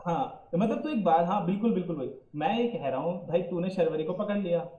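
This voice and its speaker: A man's voice: high-pitched, expressive, a little fast, warm tone, roomy sound, poor audio. A man co-hosting a casual movie review chat, roasting the plot with emphatic rhetorical questions. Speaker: podcast co-host.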